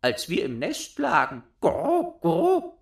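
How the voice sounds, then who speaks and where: A man voicing a flock of cooing wood pigeons in a storybook, calling out very high. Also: huge pitch swings, slow, gravelly, exaggerated voice.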